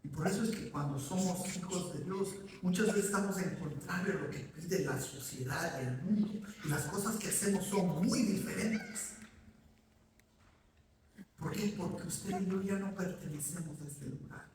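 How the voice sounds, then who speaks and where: A man's voice: high-pitched, expressive, normal speed, noisy background. A man from Ecuador preaching a sermon in a church, addressing listeners directly and answering his own questions. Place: church sanctuary. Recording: echoey hall, voice from far off.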